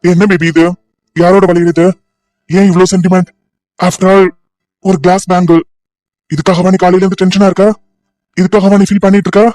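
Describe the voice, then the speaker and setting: A woman voicing a gentle middle-aged father in a cartoon story, coaxing and reassuring in a calm, steady way. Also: lowish voice, fairly quick, long pauses, no room sound, faint music behind, voice pushed down, natural voice. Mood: puzzled. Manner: coaxing, reassuring, mixes English into Tamil.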